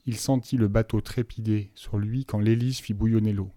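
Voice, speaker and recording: A man narrating a novel aloud as an audiobook reader, telling the story in an even, measured way. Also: lowish voice, dry recording, clean studio sound.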